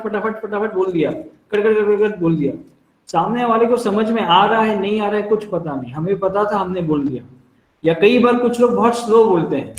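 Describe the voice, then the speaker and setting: Indian male trainer, high-pitched, friendly explainer, lecture in a reverberant room. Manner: explains with everyday examples, addresses listeners as friends. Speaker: telecalling trainer. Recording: echoey room.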